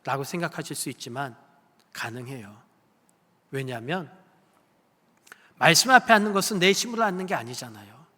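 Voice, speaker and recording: Male pastor, emphatic sermon delivery with questions to the congregation, bright tone, long hall reverb. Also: a little high, animated, normal speed, long pauses. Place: church sanctuary.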